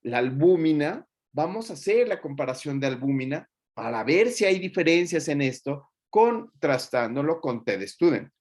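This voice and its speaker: A man's voice: a little high, big pitch swings, moderate pace, few pauses, darkish tone. A man speaks as a teacher reviewing student presentations in class. His talk is colloquial and joking, with plenty of fillers and asides.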